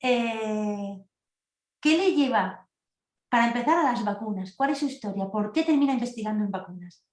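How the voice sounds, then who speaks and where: A woman interviewer puts her questions in a quick, courteous way. Her voice is a little high and comes across as far from the microphone, with a noticeable room echo. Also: lively intonation, darkish tone.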